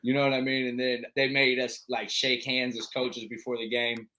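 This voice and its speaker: A high school football coach co-hosting a podcast, telling stories in casual, slangy chat and acting out other people's lines. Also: male voice, moderate pace. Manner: animated storyteller who acts out quoted voices.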